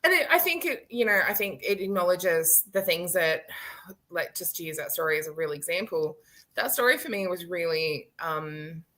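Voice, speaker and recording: A woman's voice: on the low side, moderate pace. A woman in her late thirties, a live-stream guest, telling a story with lots of laughter and acted-out quotes. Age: late 30s. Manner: animated storyteller, laughing often, acting out quotes. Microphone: video call.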